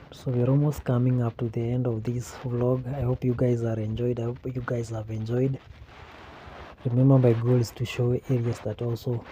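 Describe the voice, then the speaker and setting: A man with a Kenyan accent narrating a casual walking vlog in an unhurried way, often repeating phrases for emphasis. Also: medium pitch, mellow, low-quality recording. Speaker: vlogger. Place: outdoors on a quiet street. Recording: outdoor ambient noise.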